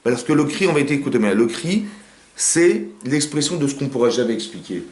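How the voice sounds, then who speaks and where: Fast-talking rabbi in a roomy room. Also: male voice, mid-range voice. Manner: rapid, animated, asks the audience rhetorical questions. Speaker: rabbi teaching a class. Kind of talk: informal Torah class. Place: living room of a private home. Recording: roomy home recording.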